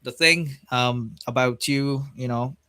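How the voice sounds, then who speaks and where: A man's voice: medium pitch, slow, pushed and bright, smooth. A man hosting a livestream, laid-back and casual, calling his guest bro and dude. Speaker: livestream host.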